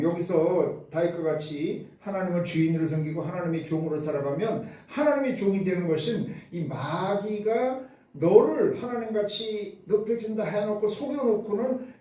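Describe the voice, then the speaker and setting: This male preacher's voice sits high and mellow as he delivers an emphatic sermon, answering his own questions as he goes. It was recorded at a distance in a church sanctuary with heavy echo.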